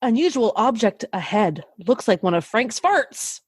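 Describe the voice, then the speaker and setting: A woman's voice: a little high, big pitch swings, measured pace, husky, no echo, clean studio sound. A young woman co-hosting a podcast who chats casually, swears and jokes sarcastically, and has a slight lisp. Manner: swears a lot, jokey and sarcastic. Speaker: podcast co-host. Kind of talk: casual chat, reading episode synopsis.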